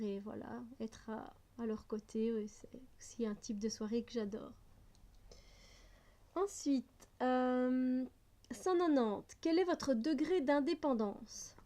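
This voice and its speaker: A woman's voice: fairly high pitch, a little mellow. A woman vlogger reading out personal questions and answering them in a casual, chatty way, often laughing and hesitating.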